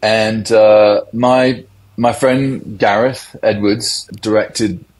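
A man's voice: on the low side, steady tone, drawn-out words, a little mellow, low-quality recording. A middle-aged man, a tech industry guest, explaining things in a loose, conversational interview.

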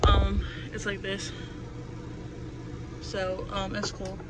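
A young adult woman with a medium-pitched voice takes it slowly as she gives an unscripted tour of her camper home. She's casual, rambling and offhand, and the handheld recording is noisy with steady background noise.

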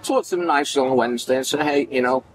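Racing along in a mid-range voice, a forties-aged man from Manchester, England, guests on a podcast and spins stories in a casual interview, performing the characters' lines with wide gestures. A crowd murmurs behind him at an indoor farmers market event backdrop, and the recording quality is low.

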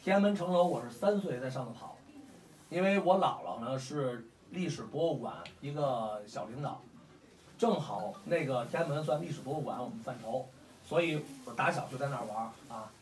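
His voice sits in the middle range, a touch mellow, and he moves at a moderate pace while staying animated. He's a forty-something Beijing Mandarin speaker hosting fight fans in a room, talking bluntly and hotly with plenty of cursing. Some hiss or hum is audible, and the distant mic picks up room echo.

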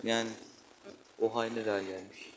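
A man with a fairly low voice gives loose, slangy commentary while playing a football video game. He grumbles and exclaims at the match as it goes. Clear background noise sits behind him. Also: little pitch movement, moderate pace, poor audio. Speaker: gaming channel host. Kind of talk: casual gameplay commentary. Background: children shouting outside.

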